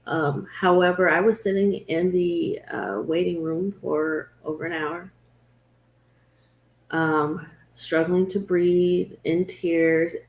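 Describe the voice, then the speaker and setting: A woman's voice: on the low side, a little hiss or hum. Woman recounting her illness, echoey room. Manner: earnest, storytelling, slows down at hard moments. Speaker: talk show host sharing her own illness story. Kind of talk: conversational recounting on a talk show.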